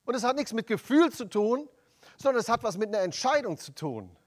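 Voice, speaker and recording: A man preaching a sermon, emphatic and rising to loud proclamations of scripture. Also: very high voice, very animated, brisk.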